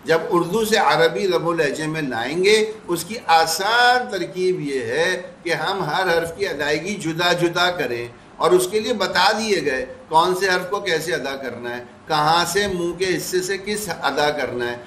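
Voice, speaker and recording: A man teaching recitation, patiently repeating sounds slowly to demonstrate them. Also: fairly high pitch, lively intonation, fairly bright tone, echoey room, a little hiss or hum. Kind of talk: explanatory lesson.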